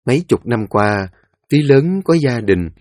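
A man narrating a folk story in a lively, colloquial, animated way. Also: mid-range voice, unhurried, no echo, studio quality.

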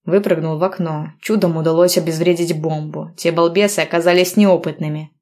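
A woman's voice: fairly low pitch, steady tone, brisk, darkish tone, close to an everyday voice. A woman voicing a cocky, teasing young man who banters with his lover in mock-stern tones in an audiobook story. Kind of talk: audiobook dialogue reading.

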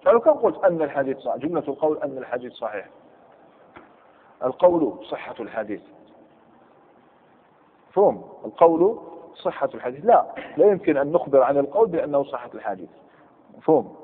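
Higher-voiced man teaching in an echoey hall. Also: big pitch swings, brisk, long pauses, breathy edge. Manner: quizzes students, repeats examples. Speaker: teacher of Arabic grammar. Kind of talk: classroom lesson. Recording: tinny lo-fi recording in echoey hall.

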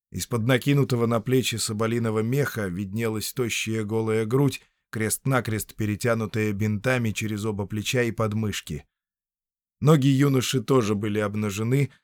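A man narrating a fantasy novel as an audiobook, with expressive storytelling. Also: fairly low pitch, no echo, clean studio sound.

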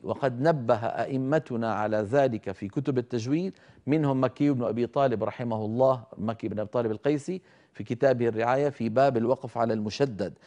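A middle-aged man teaching Quran recitation, explaining rules and slowly demonstrating each sound. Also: medium pitch, warm tone. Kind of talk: televised tajweed lesson with live callers.

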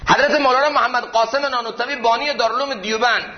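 A man giving a sermon in a mosque, telling anecdotes and slowing down to stress his points. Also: very high voice, steady tone. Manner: storytelling, slows down to stress points. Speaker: preacher teaching classical poetry. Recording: dull lo-fi recording.

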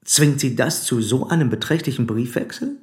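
A male actor in a German radio play portrays a police commissioner, formal and probing, speaking with deliberate insistence. The voice is mid-range and natural.

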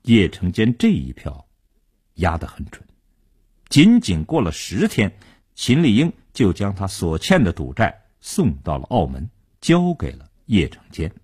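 A male storyteller with a low, warm, husky voice who swings his pitch widely for drama. His narration sounds close and dry, with no room echo. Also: huge pitch swings, unhurried. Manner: dramatic, widely varied delivery.

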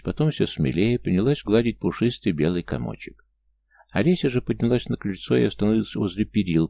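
A man reading an audiobook aloud in a measured, steady delivery. His voice is very low and gravelly, with a dark, mellow tone throughout. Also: no room sound. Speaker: audiobook narrator. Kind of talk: scripted audiobook narration.

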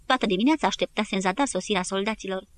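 A woman narrating a war history audiobook in an even, measured reading. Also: mid-range voice. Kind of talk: scripted narration.

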